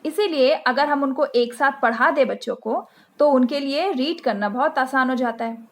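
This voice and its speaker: A woman from India hosting a channel, teaching phonics to parents and spelling letters out and repeating sounds slowly, with an Indian accent. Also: high-pitched. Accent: Indian English. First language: Hindi.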